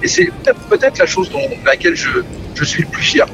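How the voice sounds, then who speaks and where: A middle-aged man speaks as a guest about his work, his voice a little high and full of rises and falls. He hesitates and restarts constantly. Music plays clearly beneath him. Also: huge pitch swings, a little fast, highs cut off. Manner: hesitant, repeats words and restarts often. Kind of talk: relaxed interview talk. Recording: music playing behind the voice.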